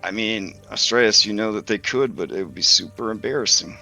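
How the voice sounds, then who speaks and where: A man's voice: on the low side, fairly quick, vocal fry, pushed and bright, faint music behind, rough recording. A man narrating a tabletop game as game master in a casual, informal and joking manner.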